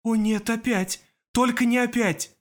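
A man reading an audiobook voices a frightened young woman mage in a raised, shrill tone. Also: steady tone, unhurried, natural voice. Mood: alarmed.

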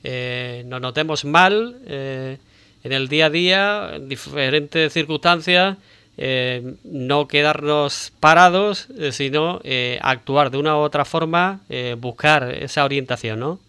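A male radio host with an Andalusian Spanish accent links segments, often pausing on fillers. His voice is fairly high, bright and crisp. It is recorded dry and close in the studio. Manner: hesitant, many fillers. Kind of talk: radio presenting.

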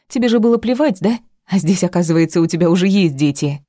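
A bitter, tearful wife from an audiobook pleads and spits venom, as a woman reader plays her. Her voice is low and mellow. The sound is dry and close. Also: expressive, fast talker, no room sound. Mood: spiteful pleading. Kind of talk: audiobook character reading.

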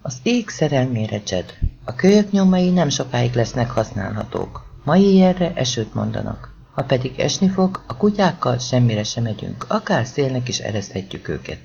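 A man's voice: mid-range voice, very animated, creaky, a little mellow. An audiobook reader voicing an impatient, sardonic male police chief. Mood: exasperated. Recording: dull lo-fi recording.

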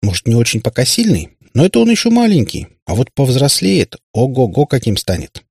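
A sharp-tongued little witch girl teases and boasts in a raised, scoffing voice, as a man reading the book puts her on. The voice keeps a husky edge and sits dry and close to the mic. The audiobook reading stays lively and mocking. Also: mid-range voice, no room sound, pitched above the performer's own voice, heavily acted. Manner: teasing, boastful, quick to scoff.

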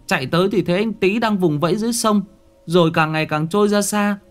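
A man's voice: high-pitched, fast, faint music behind, pitched above the performer's own voice, natural voice. A man voicing a village child who hurriedly tells the grown-ups what happened, in a spoken ghost story. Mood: urgent. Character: excited village child reporting an accident.

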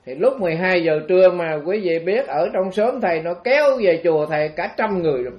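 High-voiced Southern Vietnamese monk. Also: male voice, brisk. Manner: chatty, meandering, frequent fillers. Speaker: Buddhist monk. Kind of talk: storytelling dharma talk. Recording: dull lo-fi recording.

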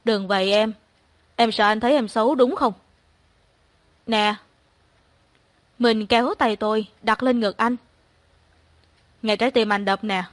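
A woman voicing a gentle, devoted young man who pleads softly and comforts his girlfriend. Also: a little high, steady tone, measured pace, pauses often, dry recording, close to an everyday voice. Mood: tender, pleading. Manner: soft and coaxing.

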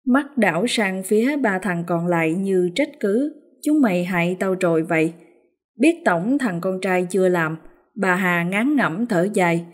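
A woman narrating a village ghost story in an even storytelling manner. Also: medium pitch, measured pace.

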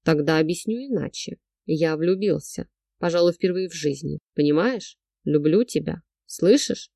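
A woman's voice: moderate pace, gravelly, mellow, no room sound, clean studio sound. A woman voicing a brash, possessive young man who hisses and growls his lines in an insinuating, domineering way. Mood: intimate. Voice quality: low hissing, growling delivery.

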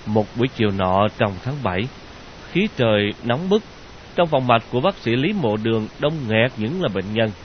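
A man narrating a story in an expressive audiobook reading, in a dull lo-fi recording. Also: medium pitch, moderate pace, a little hiss or hum.

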